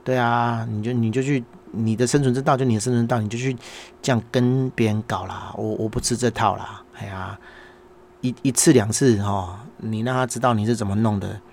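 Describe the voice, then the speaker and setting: A man's voice: mid-range voice, steady tone, fairly quick, darkish tone, a little hiss or hum. A middle-aged man with a Taiwanese Mandarin accent, hosting a casual monologue and telling an exasperated story while acting out the dialogue. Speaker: podcast host, small business owner.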